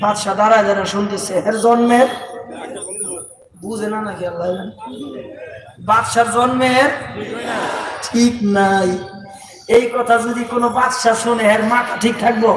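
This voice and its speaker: Shouting preacher. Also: male voice, extremely high pitch, fairly even intonation, moderate pace, long pauses, crowd noise. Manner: shouted, sing-song preaching, rhetorical questions. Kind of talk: Islamic sermon storytelling. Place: outdoor gathering by a busy road. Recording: echoey distant loudspeaker outdoors with traffic noise.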